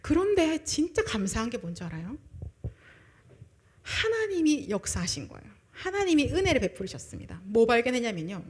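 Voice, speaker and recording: A woman preaching a sermon at a young adults' service, shifting between loud emphasis and soft breathy asides and acting out people's words. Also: fairly high pitch, wildly swooping pitch, normal speed, slight background noise. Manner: acts out people's words in quoted voices.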